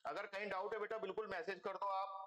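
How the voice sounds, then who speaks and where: A man's voice: sits high, little pitch movement, fast talker, bright, forceful tone, roomy sound. A man teaching a math class online, explaining step by step and checking in with his students again and again, calling them kids. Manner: calls students "beta" and "bachcho".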